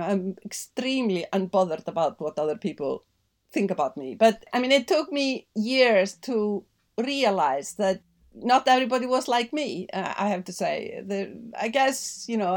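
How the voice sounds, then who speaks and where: Guest, middle-aged Icelandic woman, mid-range voice, thoughtful, halting delivery. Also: medium pitch, a little mellow. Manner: thoughtful, hesitant with frequent fillers and restarts. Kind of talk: podcast interview conversation.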